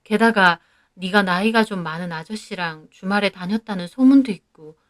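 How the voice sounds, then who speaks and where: A woman voicing a mild, evasive high school teacher who speaks softly and hesitantly. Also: moderate pace, natural voice.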